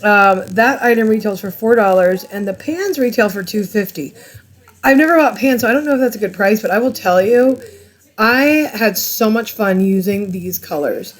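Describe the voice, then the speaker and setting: A woman's voice: mid-range voice, moderate pace. A woman hosting an art channel, talking casually and enthusiastically through a tutorial while stumbling over product names. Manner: chatty, rambling, enthusiastic.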